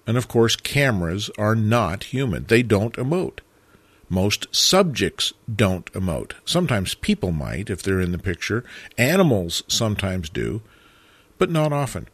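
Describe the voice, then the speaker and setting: A man narrating a photography lesson in a measured, reflective way, stressing key words. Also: lowish voice, dry recording. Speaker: photography teacher. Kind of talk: scripted narration.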